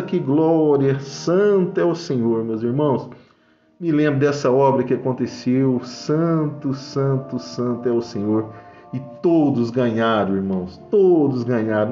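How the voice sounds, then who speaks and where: A man's voice: mid-range voice, a little mellow. A man with a Brazilian Portuguese accent giving a fervent church testimony, telling a story and breaking into praise. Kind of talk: emotional religious testimony. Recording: echoey, slightly dull recording with faint music.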